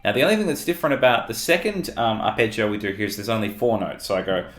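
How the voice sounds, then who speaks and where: An Australian man teaching a guitar solo in a relaxed, explanatory way, counting notes aloud. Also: medium pitch, quick pace. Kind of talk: guitar lesson walkthrough. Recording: roomy sound with loud guitar music.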